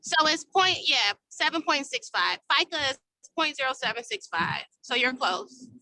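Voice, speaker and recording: A woman calling in by phone while driving, quickly and matter-of-factly reading out figures in a budget meeting. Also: high-pitched, sing-song, pushed and bright, low-quality recording. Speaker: meeting participant on a call.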